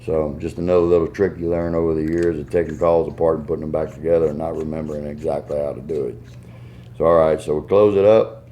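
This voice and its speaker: Southern guy with a low voice walking thru a hands-on how-to, folksy, bit of background noise. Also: fairly even intonation, fast talker, dark tone, dull audio. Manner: folksy, explaining step by step. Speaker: goose call maker giving a tuning demonstration. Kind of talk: casual hands-on tutorial.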